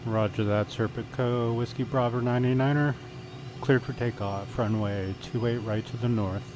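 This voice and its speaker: A man's voice: medium pitch, fairly even intonation, moderate pace, background noise. A man speaking as a pilot into a cockpit headset, reading clipped, formal radio calls to the tower. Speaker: flight sim player.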